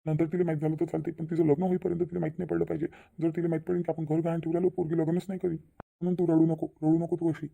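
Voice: mid-range voice, flat delivery, rapid-fire, gravelly, warm tone. A voice actor playing a stern, protective middle-aged village father in a cartoon, with a habit of repeating his orders firmly. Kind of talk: cartoon voice acting.

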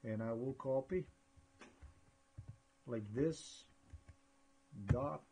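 A man excitedly narrating a screen recording, describing each click in a rambling way. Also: mid-range voice, drawn-out words, slightly rough, rough recording. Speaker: vlogger.

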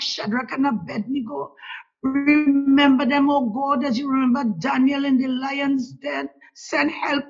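This woman's voice sits high and sounds creaky and slightly rough as she leads an impassioned spoken prayer, pleading and repeating calls to God and the Lord between phrases. The recording is dull and lo-fi.

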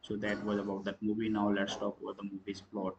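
A low-pitched man reads a film recap aloud in an almost completely flat, unvarying tone. His reading halts now and then, with slips and restarts, and he clears his throat between lines. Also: fast, highs cut off, background noise. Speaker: movie review channel host. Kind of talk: read-aloud film summary.

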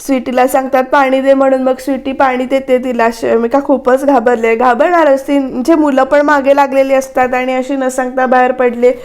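A woman's voice: sits high, little pitch movement, normal speed, hardly any pauses, a little mellow. A woman giving a voice-over recap of a TV serial episode, retelling scenes and quoting the characters' lines in a conversational way. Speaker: TV serial reviewer.

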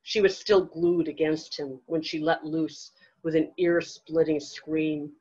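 A woman author reading her own fiction aloud in a measured, deliberate way. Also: low voice, level tone, darkish tone, husky. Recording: dull lo-fi event audio.

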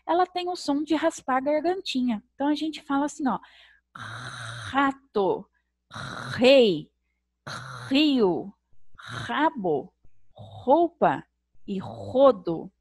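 A Brazilian woman teaching young children in a recorded video lesson, sounding out syllables slowly in a sing-song way. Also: sits high, a little mellow, dry recording. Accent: Brazilian Portuguese. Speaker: primary school teacher.

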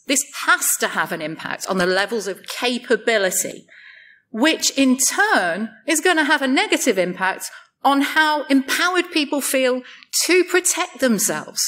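A woman's voice: sits high, a bit bright. A woman giving a conference talk in a wry, light-hearted way, joking at her own expense. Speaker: conference speaker.

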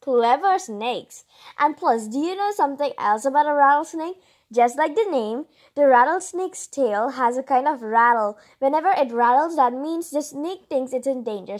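Reading a picture book to children, a woman host performs it with lots of expression, stretching words out for emphasis and tossing in chatty side remarks. Her voice sits high.

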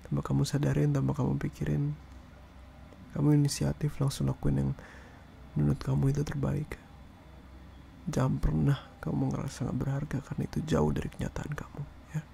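A young man in a whispered role-play, talking softly and gently as he comforts and hushes someone. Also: a little high, brisk, gravelly, slight background noise. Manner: hushing and soothing. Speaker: ASMR performer.

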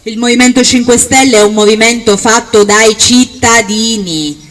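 A woman's voice: on the high side, fairly bright tone. Distant woman giving emphatic campaign speech. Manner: emphatic oratory, projected, with deliberate listing phrases. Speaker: political candidate or activist at a rally. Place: outdoor town square. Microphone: handheld-type microphone on a stand, amplified. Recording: distant outdoor capture, faint background noise.

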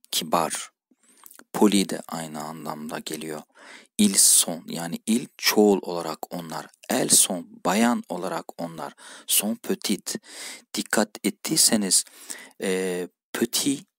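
A man's voice: sits low, fairly bright tone, no echo, studio quality. A man teaching a language lesson, reading each dialogue line and then translating and explaining it. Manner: reads lines in one language, then translates them. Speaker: French teacher.

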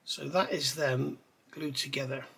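On a low-quality recording with slight background noise, a middle-aged man speaks at a measured pace in a medium-pitched voice with vocal fry. He's building a scale model at his indoor hobby workbench, relaxed and rambling, offering a hands-on tutorial with conversational detours, filmed from overhead.

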